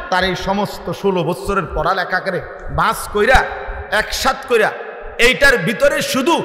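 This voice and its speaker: A man preaching a waz sermon, impassioned and rising to loud chanted peaks. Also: sits high. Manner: calmer, stern when addressing the audience. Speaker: Islamic preacher. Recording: echoey hall with long reverb.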